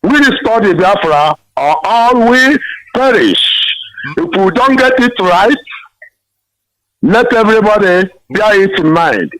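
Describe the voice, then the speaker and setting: A male caller heard through a phone line, his voice sitting fairly high for a man. He speaks in an earnest, emphatic way and repeats his key phrases to drive them home. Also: expressive, a little slow, a bit bright, no echo. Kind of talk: call-in question on a live broadcast.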